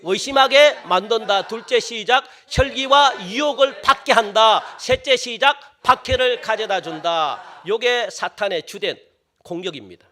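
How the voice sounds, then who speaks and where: A man preaching a sermon as pastor, animated and firing rhetorical questions at the congregation. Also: high voice, measured pace.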